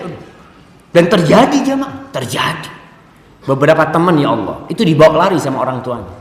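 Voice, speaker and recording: A man preaching a dawn sermon, telling stories animatedly, jumping from loud high exclamations to hushed low narration. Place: mosque. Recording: echoey mosque hall with long reverb.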